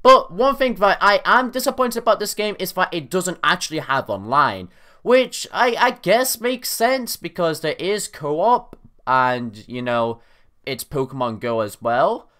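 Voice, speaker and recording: A young man giving casual, excited reaction commentary on game news, his voice cracking now and then. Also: high voice, measured pace. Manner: excitable, animated, frequent self-corrections. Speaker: gaming YouTuber.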